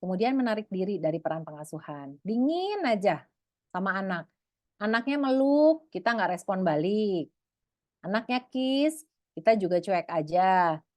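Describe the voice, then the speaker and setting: A woman giving a webinar talk on parenting, lively and acting out parents and children in high voices. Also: moderate pace, no room sound. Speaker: psychologist speaker.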